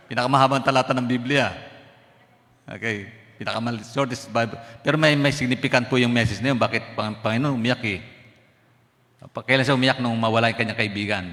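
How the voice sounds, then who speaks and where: A middle-aged pastor preaches at a brisk clip, moving quickly from line to line. He drops from forceful emphasis to near-whispered asides, mixing two languages. His voice trails off into the long reverb of a church sanctuary. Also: mid-range voice. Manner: mixes Tagalog and English, swings from loud to hushed. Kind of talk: sermon.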